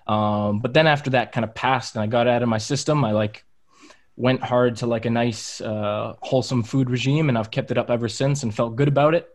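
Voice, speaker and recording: A man's voice: medium pitch, fairly even intonation, fairly quick. Guy with a middle-of-the-road voice, chill podcast chat, lots of ums and you knows. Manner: loose, filler-heavy. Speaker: podcast guest. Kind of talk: casual chat.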